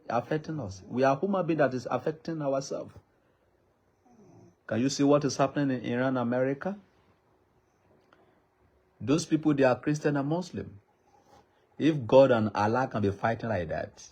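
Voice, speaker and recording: Addressing the public as a traditional ruler, a Nigerian man with a Yoruba accent pleads passionately, repeating himself like a preacher. Yoruba is his native tongue. His voice is mid-range and darkish with a breathy edge.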